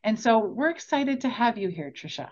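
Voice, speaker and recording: A woman's voice: fairly high pitch, very animated, moderate pace, a little mellow. Chatty woman host, dull lo-fi audio. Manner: enthusiastic, chatty, says "right?" often. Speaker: podcast host. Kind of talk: conversational interview. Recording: dull lo-fi sound.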